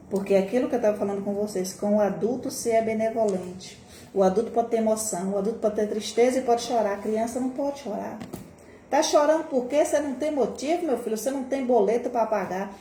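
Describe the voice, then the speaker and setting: A Brazilian woman educator hosting a live stream, talking with passion and rhetorical questions, sometimes jumping high to mimic scolding adults. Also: warm tone. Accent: Brazilian Portuguese. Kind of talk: impassioned live-stream talk. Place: home room, recorded for a social media live. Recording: echoey room with faint background noise.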